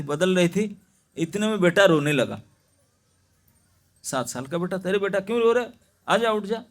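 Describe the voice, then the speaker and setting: A male monk gives a sermon as a lively story, stopping to put questions to his audience. His voice sits somewhat high for a man. He tells it loosely, with the manner of a spoken lecture rather than a script. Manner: animated, asks the audience questions. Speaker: monk preacher.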